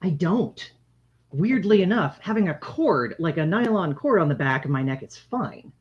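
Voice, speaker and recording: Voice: mid-range voice, animated, moderate pace. A livestream host giving a casual product demonstration in a conversational, explanatory way, speaking to viewers. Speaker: livestream host demonstrating handmade face masks. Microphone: shared microphone, sometimes turned away from it. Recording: dull lo-fi livestream audio.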